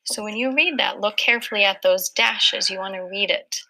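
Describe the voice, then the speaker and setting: A woman teacher leading a small-group reading lesson with young children, asking patient, slow questions. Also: mid-range voice, bright, forceful tone, rough recording.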